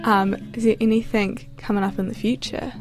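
A woman's voice: mid-range voice, little pitch movement, fairly quick, faint music behind. A woman hosting a student radio show, interviewing a guest in a friendly, enthusiastic way with some hesitant phrasing. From New Zealand. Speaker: radio host.

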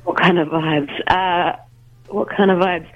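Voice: mid-range voice, steady tone, unhurried, no echo. Musician guest, hesitant speech full of ums, tinny phone line, dry sound. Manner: hesitant, many ums and restarts. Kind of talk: casual interview over the phone. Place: at home, making coffee.

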